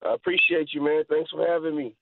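A man's voice: fairly high pitch, steady tone, fast talker, vocal fry, dry recording. A man chatting casually as a call-in guest, laid-back and slangy, over a narrow phone line. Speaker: interview guest. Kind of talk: casual chat.

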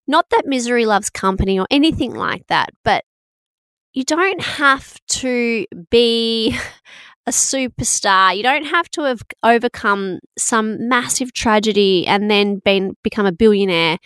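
Aussie woman podcasting solo, smooth clear voice, dry close sound, swears and laughs at herself. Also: medium pitch, a bit bright, dry recording. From Australia. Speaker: podcast host. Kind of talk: casual solo podcast monologue.

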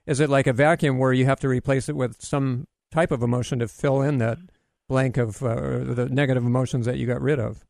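A man's voice: medium pitch, fairly even intonation, fairly quick, creaky, darkish tone, no echo, studio quality. A man hosting a radio talk show and interviewing, with punchy, tongue-in-cheek radio patter.

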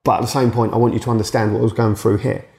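In a casual monologue, a boxing coach in his late thirties talks frankly and chattily, swearing now and then and acting out exchanges he remembers. His lowish, dark voice has vocal fry and a steady tone, delivered rapid-fire in an echoey room.

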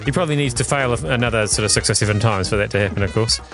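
A man's voice: fairly low pitch, racing, music in the background. Wry joking radio co-host, man. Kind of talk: comic radio segment links.

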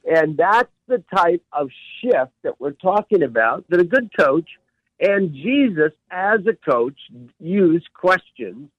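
Slow, emphatic male guest coach. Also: sits high, big pitch swings, dry recording, highs cut off. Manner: emphatic, repeats key words. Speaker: professional coach and ministry director, guest. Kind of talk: radio interview, teaching.

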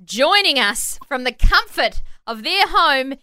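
A woman's voice: high-pitched, sing-song, slow pace, background noise. An Australian woman co-hosting a casual radio chat in a playful, chatty way. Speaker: radio co-host.

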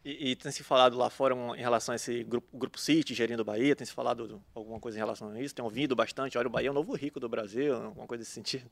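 Gravelly, fast-talking male host. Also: medium pitch, fairly even intonation. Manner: asks long, winding questions. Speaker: podcast host. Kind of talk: interview questions.

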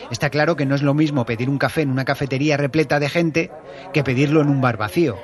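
A man hosts a podcast and answers listener questions about his work as an audio drama director. He talks in a measured, explanatory way, laying out his methods step by step. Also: medium pitch.

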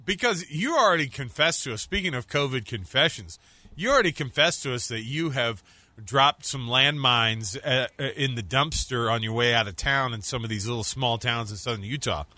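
A man hosts a casual radio talk segment with a bright, sharp-edged voice. He teases and jokes, often breaking into laughter. The sound is dry and close with no room around it. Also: medium pitch, animated, moderate pace, no room sound. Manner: joking, laughs often, teasing. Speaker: radio show host.

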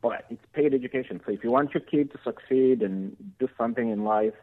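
A man's voice: medium pitch, a little fast. A man, a guest on a radio interview, answering earnestly with many fillers and restarts. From Uganda. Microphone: phone. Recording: tinny phone line.

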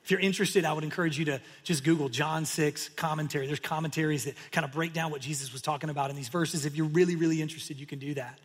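Male pastor, fairly high husky voice, animated sermon storytelling in a reverberant hall. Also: quick pace, few pauses.

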